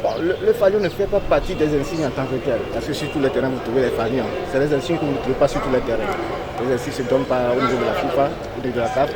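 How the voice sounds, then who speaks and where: A man's voice: medium pitch, fast. A man, a football federation official, answering interview questions with frequent fillers and repeated words. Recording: outdoor interview with loud crowd. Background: loud crowd chatter.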